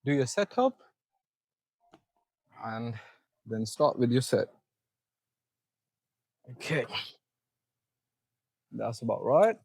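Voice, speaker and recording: A young man walks viewers through a back workout in a gym, breathing hard between sets and explaining each move as he goes. His voice is husky and breathy, with a mid-range pitch. The sound is close and dry, with little room echo. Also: very animated, extremely slow, pauses often, darkish tone. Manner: instructive, coaching viewers step by step. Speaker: fitness vlogger. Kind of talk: casual gym walkthrough.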